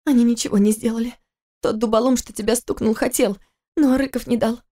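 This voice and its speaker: A woman voicing a frightened young wife who pleads and sobs, in a higher voice than her narration. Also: fairly even intonation, a little fast, mellow, close to an everyday voice. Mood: tearful pleading. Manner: sobbing, pleading.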